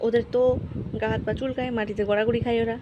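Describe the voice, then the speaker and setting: A woman's voice: a little high, level tone, fast talker, lo-fi sound, noisy background. A woman at home filming her cats on a phone, talking to them in a scolding, teasing way. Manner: scolding, teasing baby-talk to a cat. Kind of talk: casual talk to pet cats. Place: home indoors.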